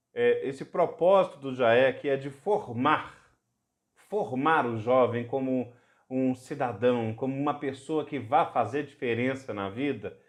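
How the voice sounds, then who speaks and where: A middle-aged Brazilian man, a bishop, giving an earnest personal testimony on a church podcast that turns fervent when he tells of miracles. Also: medium pitch. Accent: Brazilian Portuguese. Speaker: bishop, guest.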